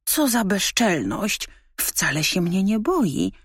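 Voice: medium pitch, takes it slowly, creaky, dry recording, clean studio sound, voice pushed up. A woman voicing a proud, pompous pedigreed male dog in a storybook reading, with a raised, haughty, indignant tone.

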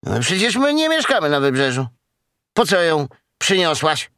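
A man voicing a quick, know-it-all young fox in a storybook reading. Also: on the high side, sing-song, fairly bright tone, smooth, no echo, clean studio sound, pitched above the performer's own voice. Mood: mocking. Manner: quick, explaining.

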